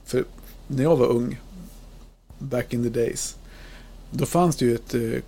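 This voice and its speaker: Creaky-voiced man in his fifties. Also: medium pitch, dark tone. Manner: chatty, joking, swears casually. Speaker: podcast host. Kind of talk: casual podcast chat.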